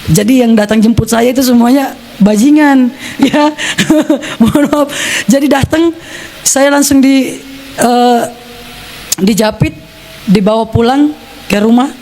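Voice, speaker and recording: Before a church congregation, a South Sulawesi man, from Indonesia, shares his personal testimony as a lively story, voicing the quotes himself and laughing frequently. His pitch is extremely high and his tone darkish, and he talks a little slowly with long pauses. A faint hiss or hum sits under the recording.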